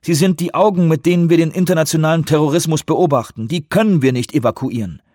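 A man's voice: fairly high pitch, fast talker, darkish tone, no echo, clean studio sound, pitched above the performer's own voice, lightly acted. A man voicing a stubborn, dutiful male counterterrorism chief in an audiobook, firm and insistent.

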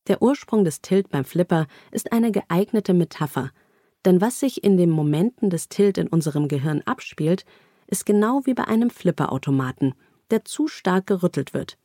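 A woman reading nonfiction narration aloud in a calm, even, measured way. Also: on the low side, no echo, clean studio sound. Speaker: audiobook narrator.

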